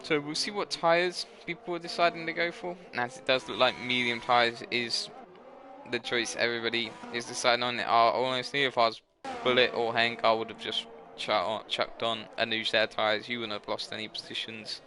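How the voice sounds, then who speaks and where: A man's voice: mid-range voice, little pitch movement, normal speed, pushed and bright. A tired young man giving live commentary on an online racing league, rambling and correcting himself as he goes. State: tired, yawning. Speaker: race commentator.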